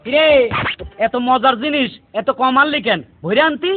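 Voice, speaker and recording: A man, playing a bossy, greedy music teacher in a comedy skit. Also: extremely high pitch. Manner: bossy, greedy, sings off-key in a drawn-out way. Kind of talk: comic skit acting. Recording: tinny lo-fi audio with loud music.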